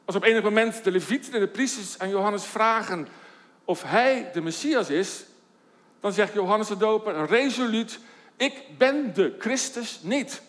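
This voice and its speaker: A man preaching a sermon, explaining scripture in a measured way and posing rhetorical questions to the congregation. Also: high voice, a bit bright. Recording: long reverb of a church hall.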